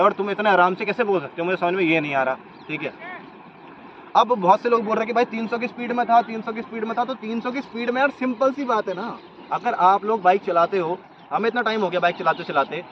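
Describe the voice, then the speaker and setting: Young guy ranting fast and high about a case point by point, kinda dull lo-fi sound w faint noise. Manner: argumentative, makes points in a row. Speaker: vlogger. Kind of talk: commentary vlog.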